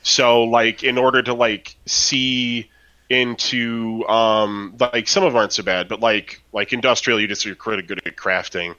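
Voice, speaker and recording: A man's voice: mid-range voice, fairly even intonation, unhurried, bright, forceful tone, muffled recording. A man chatting casually on a podcast about a role-playing game, rambling with lots of fillers and tag questions. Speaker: podcast co-host.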